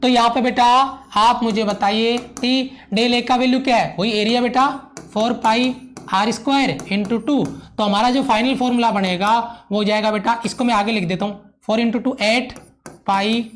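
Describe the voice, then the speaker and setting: A man's voice: extremely high pitch, fairly even intonation, moderate pace, slight background noise. A man teaching physics in a live online lecture, emphatic, repeating key points, often checking whether students follow and showering them with praise.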